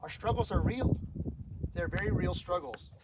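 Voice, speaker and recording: A middle-aged man tells his life story to an audience in a personal testimony, earnest and emotional, often restarting and repeating words. His voice is high-pitched and expressive at normal speed, and the recording is very noisy.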